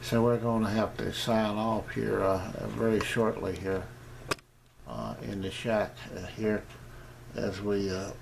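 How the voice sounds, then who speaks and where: A fairly low-pitched man speaks slowly with fairly even intonation and vocal fry. He's hosting a rambling, casual ham radio demo to camera from his home radio shack, talking in a hesitant, meandering, plain-spoken way on a noisy home video.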